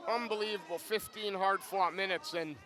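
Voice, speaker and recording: A man's voice: high-pitched, steady tone, normal speed. A man giving enthusiastic, conversational live commentary on a fight. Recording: loud crowd at live event. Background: loud crowd.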